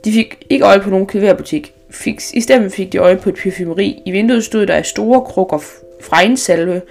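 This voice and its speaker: A woman reading a children's story aloud, unhurried, with small restarts. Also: medium pitch, vocal fry, darkish tone.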